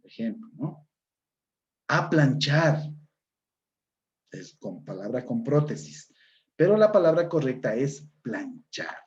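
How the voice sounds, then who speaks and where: A man's voice: mid-range voice, sing-song, slow, pauses often. Man teaching an online class, lo-fi audio. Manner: explains with examples, often asks "¿no es cierto?".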